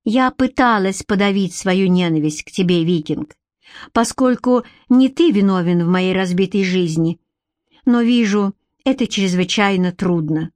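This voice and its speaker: A woman's voice: mid-range voice, unhurried, a little mellow, no room sound, close to an everyday voice. A woman reading the part of a proud, fiery young captive who answers her master with indignant outbursts. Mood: defiant.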